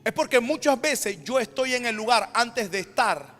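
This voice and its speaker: A man with a Panamanian Spanish accent preaching a sermon as pastor, swinging from loud, emphatic declarations down to hushed near-whispers. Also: very high voice, lively intonation, normal speed. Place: church sanctuary. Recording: reverberant church hall with background music.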